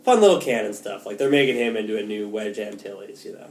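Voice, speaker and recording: Casual podcast co-host, male, lowish voice, chatty with filler words, recorded in a roomy space with faint hiss. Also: animated, fast talker, darkish tone. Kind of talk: casual film discussion.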